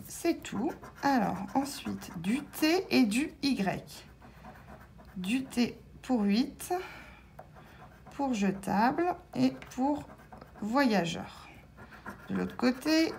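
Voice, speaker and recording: A woman's voice: a little high, darkish tone, a little hiss or hum. A woman vlogger commenting casually and hesitantly as she scratches lottery tickets, spelling out letters with many fillers.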